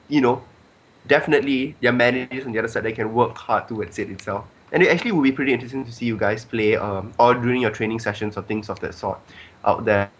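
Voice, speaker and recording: A man's voice: medium pitch, fast. A man hosting a casual podcast, rambling with many ums and filler phrases. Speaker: podcast host.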